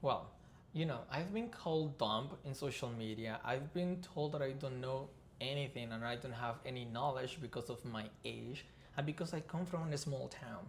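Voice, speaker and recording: A man's voice: medium pitch, normal speed, a little hiss or hum. A man from Colombia with a Colombian Spanish accent, a Spanish native speaker talking earnestly as a podcast co-host in casual chat.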